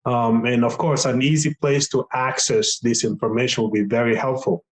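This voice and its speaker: Middle-aged man, patient advocate; earnest, reflective, mid-pitched, filler-heavy. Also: steady tone, moderate pace, poor audio. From Tanzania. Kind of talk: recorded podcast testimony.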